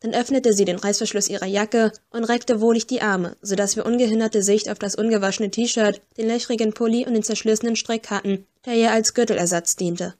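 A woman's voice: on the high side, fairly even intonation, a little fast, few pauses, a little mellow. A woman giving scripted first-person audiobook narration in a dry, wry storytelling manner.

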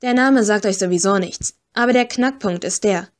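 A woman's voice: medium pitch, moderate pace, lightly acted. A scruffy, unflappable young woman with a cheeky, offhand way of talking, as the reader puts her on. She sounds cool and casual.

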